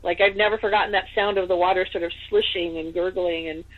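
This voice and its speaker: A woman's voice: on the low side, fairly even intonation, fast talker. A woman from Northern California telling a personal story as a podcast guest, in a casual chatty way full of fillers. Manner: chatty, full of "like" and "you know". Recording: tinny phone-like line.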